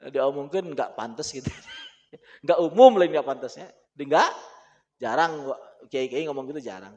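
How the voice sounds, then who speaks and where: Lively Sundanese-accented male religious teacher. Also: medium pitch, creaky. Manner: animated, laughs often, mixes languages. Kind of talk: Islamic book study lecture.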